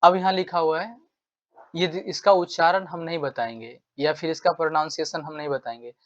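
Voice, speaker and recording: A man's voice: fairly high pitch, fairly even intonation, fairly quick, dull audio. A man teaching an exam-prep vocabulary lesson, repeating phrases over and over and acting out angry demands as examples. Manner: repetitive, drills phrases over and over; acts out angry demands while explaining.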